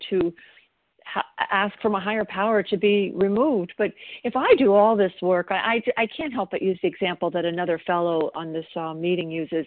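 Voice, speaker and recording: A woman's voice: mid-range voice, no echo. A woman giving a reflective personal share to a support group in conversational speech. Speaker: member sharing at a recovery meeting. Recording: dry, tinny phone line.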